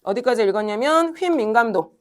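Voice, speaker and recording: Lively woman teacher telling a class story. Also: a little high, fairly quick. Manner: lively, chatty, acts out students' grumbles. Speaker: high school Korean language teacher. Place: classroom at a cram school.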